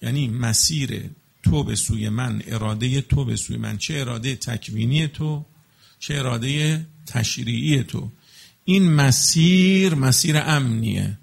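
Male preacher, husky rough timbre, casual teaching delivery that drops into slow chanted blessings. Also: medium pitch. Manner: explains with everyday examples and rhetorical checks on listeners. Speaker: religious preacher. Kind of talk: colloquial religious talk to an audience.

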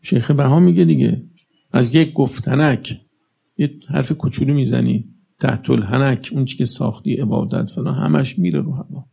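A man preaching a religious sermon, pressing his listeners with fervent, rapid-fire rhetorical questions. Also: medium pitch, creaky, dark tone, husky.

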